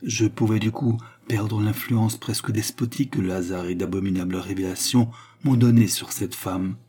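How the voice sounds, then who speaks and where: A man voicing a noble count and gallant seducer who speaks softly, earnestly and courteously in an audiobook. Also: fairly low pitch, fairly even intonation, moderate pace, breathy edge. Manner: soft, earnest, courtly speech. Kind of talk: audiobook character reading.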